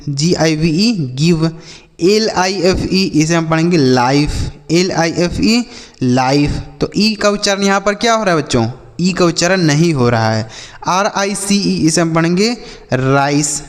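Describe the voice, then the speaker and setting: A man with a slightly high voice teaches phonics, walking children through each sound and asking them back. His voice rings with a long, hall-like reverb. He talks with patient repetition. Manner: patient, repeats and quizzes the children. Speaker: English teacher. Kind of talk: classroom-style phonics lesson.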